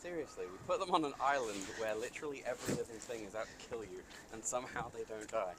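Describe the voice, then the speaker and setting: A man's voice: medium pitch, fast talker, a bit bright. A man with an English accent chatting casually and laughing easily while walking outdoors. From England. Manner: laughing, easygoing. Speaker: companion on a stream. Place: outdoors on city streets. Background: street traffic noise.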